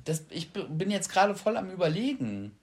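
A man's voice: high-pitched, sing-song, fairly quick. A man in his early forties co-hosting a podcast, chatting with his partner and joking at his own expense. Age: 40s. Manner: joking, self-mocking. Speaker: podcast co-host. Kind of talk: casual couple chat.

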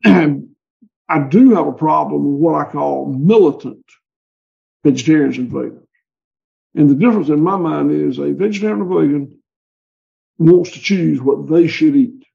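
A Southern US livestock farmer speaks in a conversational interview, rambling folksily and often restarting. His voice is fairly high and creaky, at a normal speed with frequent pauses, and the sound is lo-fi.

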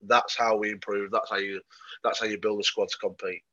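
Low-voiced man, muffled sound. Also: level tone, fairly quick, bright, forceful tone. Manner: dry, matter-of-fact opinions with frequent ums. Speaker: podcast co-host. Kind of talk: casual football podcast chat. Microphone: podcast microphone.

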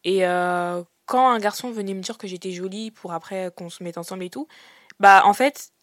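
A young woman hosting a casual, confessional podcast in informal, chatty speech, slightly short of breath and pausing mid-sentence. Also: mid-range voice, no room sound, clean studio sound. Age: young adult. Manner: informal, youthful slang, chatty. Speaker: podcast host.

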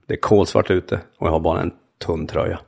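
A man narrating his own memoir in the first person, calm and measured in short sentences. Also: low voice, creaky, slightly rough.

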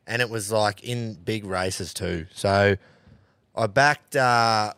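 A man's voice: on the low side, slow, fairly bright tone, clean tone, no room sound, studio quality. A man with an Australian accent hosting casual sports and betting chat in a blokey, slangy, sweary way. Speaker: podcast host.

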